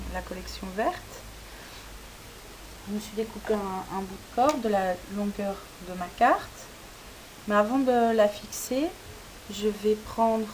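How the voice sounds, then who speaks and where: A woman hosting a crafting tutorial, explaining each step as she works, often pausing with hesitant fillers. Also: mid-range voice, rough recording. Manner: hesitant, frequent "euh" fillers while working. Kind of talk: step-by-step demonstration. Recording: steady tape-like hiss.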